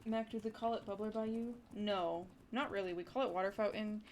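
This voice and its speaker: Talking to her chat, this Wisconsin-accented young woman streams and wanders from topic to topic, peppering her speech with "like" and "dude." She keeps a steady tone at medium pitch and a slightly fast pace, over a little hiss or hum.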